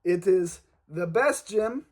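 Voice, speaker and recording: A man voicing a hyped-up male gym owner in a spoof ad, with a put-on Mexican Spanish accent and a salesy, slangy pitch. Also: animated, slow, exaggerated voice. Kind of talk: comic spoof radio ad.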